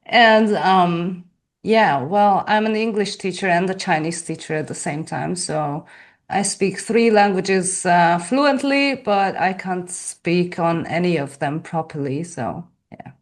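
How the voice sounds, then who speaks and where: Hungarian-accented woman guest, low voice, slow and thoughtful, second language. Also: animated. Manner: slow, thoughtful, with soft laughs. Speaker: podcast guest. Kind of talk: casual interview talk.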